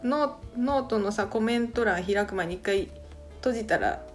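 A woman co-hosting a podcast, chatting casually with lots of laughter and quick reactions. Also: medium pitch, faint music behind. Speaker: podcast co-host. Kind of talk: casual chat.

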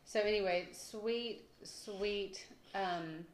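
A woman, co-hosting a casual Bible discussion, chatty and quick to laugh at herself. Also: mid-range voice. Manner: chatty, laughs often, self-deprecating. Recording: echoey room with faint noise.

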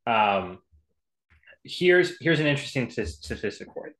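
A man co-hosting a sports podcast makes casual predictions, rattling off statistics with frequent ums and restarts while he has the hiccups. His medium-pitched voice is a bit bright and sing-song, at a normal speed.

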